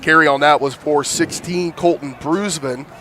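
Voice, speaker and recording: Husky man calling football, smoker's rasp. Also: a little high, normal speed, sharp tone, slight background noise. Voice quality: thick, husky smoker's rasp from hay fever. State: congested from hay fever. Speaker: play-by-play announcer. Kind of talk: live high school football commentary with sponsor reads. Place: outdoor football stadium broadcast.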